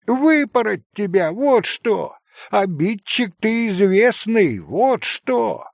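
A man voicing a shrill, scolding woman market vendor who shouts her words. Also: sing-song, slow pace, no room sound, studio quality, full character voice.

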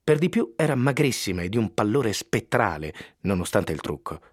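Expressive male radio reader. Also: lowish voice, moderate pace, dry recording, studio quality. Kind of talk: reading a book aloud on radio. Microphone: studio microphone.

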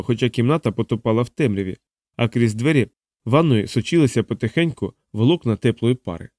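A man narrating an audiobook in an even, measured storytelling voice. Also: medium pitch, no echo, studio quality.

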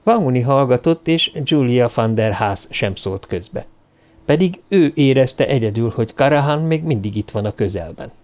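A man narrating an audiobook in a steady storytelling manner. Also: medium pitch. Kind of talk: scripted narration.

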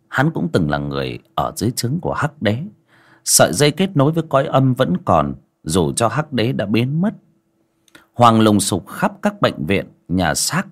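A man narrating an audio story with an expressive, dramatic delivery. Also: on the low side.

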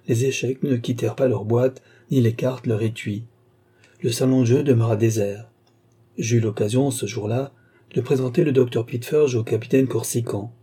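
A man reading a classic novel aloud as an audiobook narrator, in a measured, deliberate manner. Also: mid-range voice, warm tone, slightly rough. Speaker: audiobook reader. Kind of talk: literary narration.

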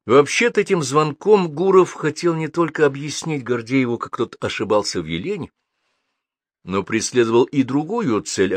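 A man narrating a police detective audiobook in an even, steady storytelling manner. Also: fairly low pitch, no room sound.

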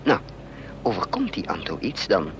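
A low-voiced actor, heavily acted with huge pitch swings at normal speed and a slightly bright sound, plays the anxious, scheming adventurer who narrates a Dutch radio play. Brooding and urgent, he mutters and hesitates as he thinks aloud, over the vehicle drone of a noisy old recording.

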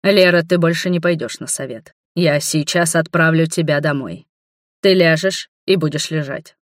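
An audiobook reader voicing a protective male dragon lord, stern and firm, with a slightly hoarse tone. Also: mid-range voice, moderate pace, no echo, clean studio sound, close to an everyday voice. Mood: stern, caring.

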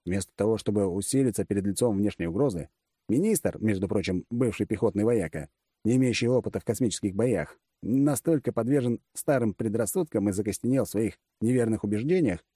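A man's voice: fairly low pitch, dark tone, husky, no room sound, clean studio sound. A man narrating a first-person audiobook in a wry, ironic manner.

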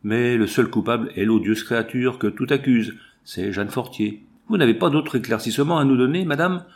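A man's voice: medium pitch, moderate pace, lightly acted. A man voicing a stern, self-assured examining magistrate in an audiobook, speaking with firm authority.

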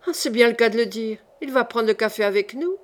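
Woman reading a jovial booming shopkeeper. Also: fairly quick, natural voice. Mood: exclaiming. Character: hearty loud middle-aged shopkeeper father.

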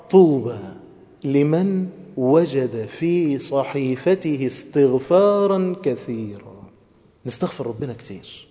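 A man with an Egyptian Arabic accent preaching a sermon to young people. He swings between loud emphasis and hushed, tender phrases, and chants quoted prayers slowly. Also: fairly high pitch, in a large hall.

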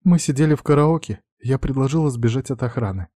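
A man's voice: mid-range voice, fast talker, mellow, no echo, studio quality, pitched above the performer's own voice, lightly acted. A man voicing a tearful frightened young woman. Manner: sobbing, sniffling.

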